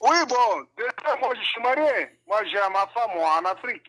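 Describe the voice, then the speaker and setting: A man's voice: high voice, expressive, moderate pace, pushed and bright, rough recording. A man calling in to a live show, talking casually with his phone held away from his mouth, friendly and repeating short words. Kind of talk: casual call-in chat.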